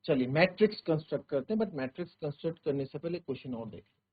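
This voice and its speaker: A man teaching a maths class in Hindi mixed with English, explaining step by step, counting aloud and asking if things are clear. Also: on the high side, lively intonation, rapid-fire, phone-quality sound. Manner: voices students' doubts himself and answers them. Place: virtual classroom studio.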